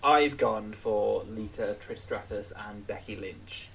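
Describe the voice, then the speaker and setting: A man with a fairly low voice gives his picks in a relaxed chat and tosses in dry jokes. A faint hiss sits behind his voice. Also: slow, vocal fry, low-quality recording. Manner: dry, joking asides. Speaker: podcast co-host. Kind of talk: casual chat, wrestling predictions.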